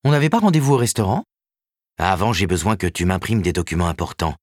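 A man voicing a sharp, probing woman literary agent in an audiobook. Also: low voice, fast talker, no room sound, studio quality. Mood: brisk. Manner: probing, exasperated, animated.

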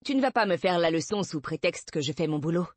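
A woman voicing a brusque, exhausted female police detective, speaking in a sharp, clipped, defensive way. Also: on the low side, animated, quick pace, dry recording. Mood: snappish.

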